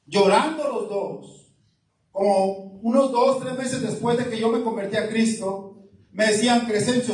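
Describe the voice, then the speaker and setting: In a church hall, a pastor whose voice is high-pitched and a little mellow delivers a sermon, reading from scripture and putting questions to the people. The congregation answers back, and the recording is echoey and distant.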